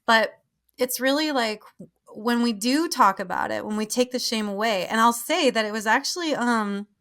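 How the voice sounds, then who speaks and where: A woman's voice: a little high, normal speed, a bit bright. A woman hosting a podcast in a casual interview chat, chatty with frequent laughs and filler words. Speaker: podcast host.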